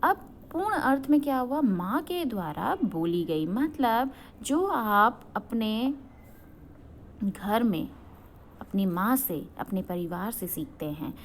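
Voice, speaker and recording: A woman's voice: on the high side, very animated, slow, a little hiss or hum. Patient woman teacher explaining grammar. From Uttarakhand, India. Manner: explanatory, poses questions and answers them, checks in with "okay". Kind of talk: grammar lesson.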